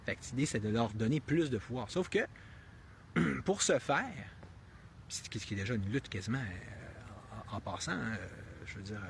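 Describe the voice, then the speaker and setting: Over a little hiss or hum, a Québécois-accented man streams live commentary without a script, thinking aloud, rambling, restarting and using lots of fillers. He is earnest and fond of emphatic rhetorical questions. His medium-pitched, creaky voice has lively intonation at normal speed.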